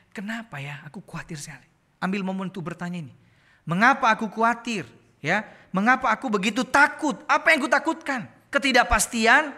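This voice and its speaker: Male preacher, bright and forceful tone, fairly high voice, chatty sermon delivery with loud peaks and hushed prayers. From Indonesia. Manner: conversational, asks the congregation questions; swings between loud emphatic peaks and low quiet prayer. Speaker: pastor. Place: church.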